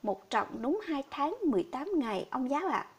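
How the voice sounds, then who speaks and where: A grieving poor old village man, read by a woman narrator, pleading and sorrowful. The voice stays high and light. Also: big pitch swings, a little fast.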